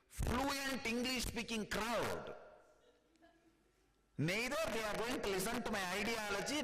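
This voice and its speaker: A man's voice: high voice, bright, forceful tone, in a large hall. A man from India with an Indian accent, giving a spiritual discourse, laughing often and repeating simple phrases for emphasis. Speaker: spiritual teacher.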